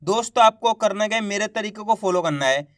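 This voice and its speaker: Male reading teacher, high-pitched, slow drilling delivery, dead-dry close recording. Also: expressive, fairly bright tone, no echo. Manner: spells out syllables and drills the viewer to repeat. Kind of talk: slow, patient teaching for beginners.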